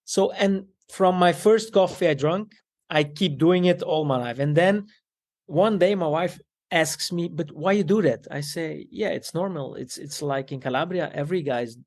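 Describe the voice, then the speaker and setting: Italian-accented man, light pitch, halting guest talking shop. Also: a little mellow. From Italian, raised in Belgium. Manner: halting, repeats words. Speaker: guest, tailor. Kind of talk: casual interview.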